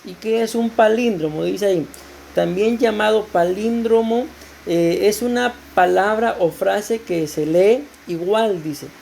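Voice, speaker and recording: A woman's voice: mid-range voice, measured pace, creaky, a little mellow, slight background noise. A woman pastor with a Costa Rican accent preaching to a women's group, explaining scripture and asking rhetorical questions. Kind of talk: sermon.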